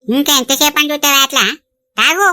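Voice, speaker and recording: A woman voicing a sharp-tongued middle-aged village aunt in a cartoon, scolding and teasing. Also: sits high, fast talker, dry recording. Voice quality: bright, scolding. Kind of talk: Telugu cartoon dubbing.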